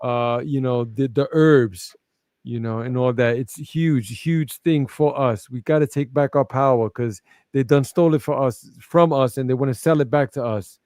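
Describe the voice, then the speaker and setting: A man's voice: mid-range voice, normal speed, darkish tone, dry recording. Male, Brooklyn accent, street-level colloquial event promoter in casual interview, dry sound. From Brooklyn, New York. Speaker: guest, festival organizer.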